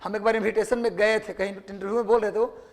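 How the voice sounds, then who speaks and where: High-voiced Hindi teacher quizzing his class. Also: little pitch movement, fast. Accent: Bihari Hindi. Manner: quizzes students, repeats answers for dictation. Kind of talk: classroom lecture.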